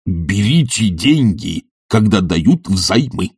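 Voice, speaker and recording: A man's voice: low voice, sing-song, slow pace, darkish tone, husky, heavily acted. A man voicing a stern older professor who speaks firmly and curtly. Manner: firm, curt, mutters at times.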